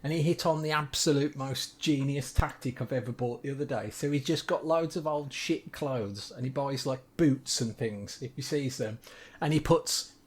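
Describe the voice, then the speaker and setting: A man's voice: medium pitch, normal speed, hardly any pauses. A man, co-hosting a podcast and telling jokey anecdotes in a casual chat. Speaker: podcast co-host. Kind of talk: casual storytelling.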